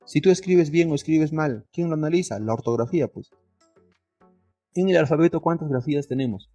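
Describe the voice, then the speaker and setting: A man's voice: on the high side, fairly quick, mellow, soft background music. Man teaching, questions and answers himself. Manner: questions the class and answers himself, full of diminutives. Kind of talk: classroom lesson.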